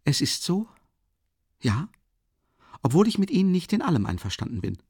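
A composed young woman speaks earnestly, put on by a male audiobook reader. The voice is gravelly and lively, in a dry, close sound. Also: sits high, no room sound, voice pushed up, full character voice. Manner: earnest, measured.

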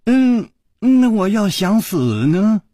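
A male storyteller voicing a witty young swordsman hero who speaks in a slow, airy, teasing way, in a traditional storytelling style. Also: high voice, big pitch swings, warm tone, husky, no room sound, studio quality, pitched above the performer's own voice, exaggerated voice. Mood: breezy teasing. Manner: airy and teasing, drawn-out lines.

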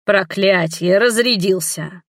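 A woman voicing a cranky, lecherous old male magic appraiser, talking slowly with a grumbling, testy manner. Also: medium pitch, lively intonation, a bit bright, no echo, studio quality, close to an everyday voice.

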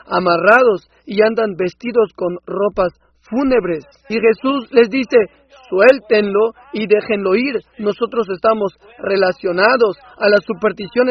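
A man dubbing a sermon in an impassioned preaching manner that swells into loud outbursts, on a dull lo-fi recording. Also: sits high, breathy edge. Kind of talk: Spanish voice-over of a sermon.

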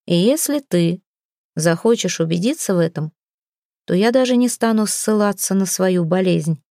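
Woman voicing a proud sick young guest, calm, dignified, slow and clear, dry close sound, audiobook. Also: lowish voice, no room sound. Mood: measured.

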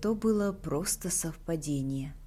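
A woman's voice: deep voice, animated, measured pace, warm tone, soft background music. A woman voicing an uneasy elderly father who mumbles hesitantly.

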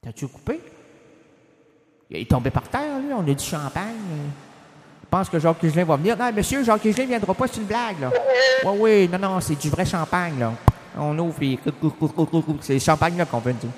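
A man's voice: sits high, animated, normal speed, long reverb tail, a little hiss or hum. A man with a Québécois accent hosting a community radio show, joking in an absurd, playful way with mock ads and scripted readings. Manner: playful, absurd, jumps between silly bits and a reading voice. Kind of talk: zany radio banter and mock classified ads. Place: radio studio.

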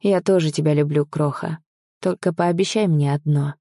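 A woman voicing a brooding young man in a wheelchair, gruff and bitter but tender. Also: sits low, steady tone, normal speed, warm tone, no echo, clean studio sound.

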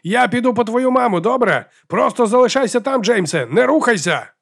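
A man voicing a frantic father who shouts urgent commands over a radio. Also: on the high side, animated, moderate pace, pitched above the performer's own voice. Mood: urgent shouting.

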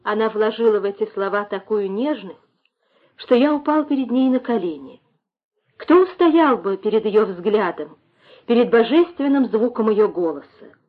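A woman narrating an audiobook in a measured, even way. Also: on the high side. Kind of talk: audiobook reading. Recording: tinny phone-like sound.

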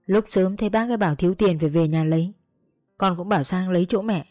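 A woman storyteller narrating a first-person tale in a steady, measured, earnest way. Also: lowish voice, no echo, studio quality, soft background music.

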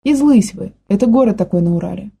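A woman's voice: medium pitch, expressive, creaky, mellow, a little hiss or hum. A woman reading the part of a frightened young nanny who speaks in a simple, folksy way. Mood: distressed telling. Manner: plain folksy talk, quick to panic.

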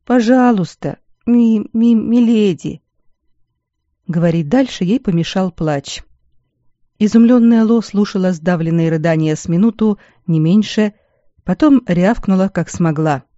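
A woman narrating an audiobook in a calm, measured storytelling manner. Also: fairly low pitch, no echo. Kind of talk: scripted narration. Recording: dull lo-fi recording, dry.

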